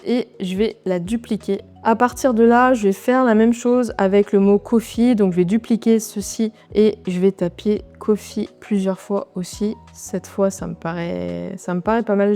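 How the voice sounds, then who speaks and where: A woman talking through a design software tutorial step by step, with relaxed, chatty asides as she works. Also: mid-range voice, smooth. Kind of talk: screen-recorded software tutorial.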